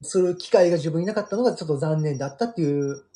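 Animated Kansai-accented man, mellow voice. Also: on the high side, very fast. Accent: Kansai Japanese. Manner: animated storyteller, many fillers. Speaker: guest manga artist. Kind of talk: casual radio chat.

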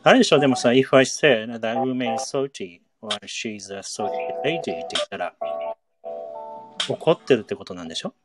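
A man's voice: medium pitch, normal speed. Man, Japanese native speaker, casual bilingual teaching chat, music bed underneath. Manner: relaxed, chatty, mixes Japanese and English. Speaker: host teaching English words.

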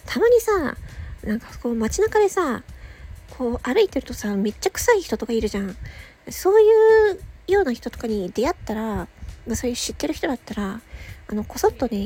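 A woman hosts a casual solo audio show, chatting playfully and tossing in self-mocking asides. Her fairly high voice is husky, slightly creaky and mellow, and the recording quality is low.

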